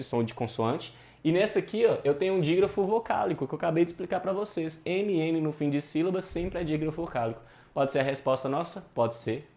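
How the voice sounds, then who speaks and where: A man's voice: a little high, darkish tone. A male teacher, explaining exam questions in a casual, slangy, emphatic way. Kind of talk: exam prep lesson.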